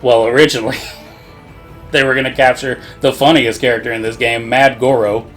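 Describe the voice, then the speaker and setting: A man's voice: mid-range voice, steady tone, moderate pace, fairly bright tone, soft background music. Brief: male podcast co-host, rambling and profane, laughs a lot. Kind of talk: casual game recap chat.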